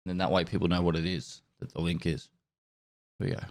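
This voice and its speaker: Talking fast in a low voice, a man whose nose is stuffy from a cold rambles easily through a casual live stream, thanking his subscribers.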